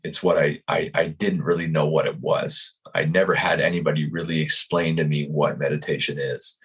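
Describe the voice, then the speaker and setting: A podcast guest with a low, husky voice talks calmly at normal speed in a reflective interview over a video call. He sounds searching, with many restarts and repeated words.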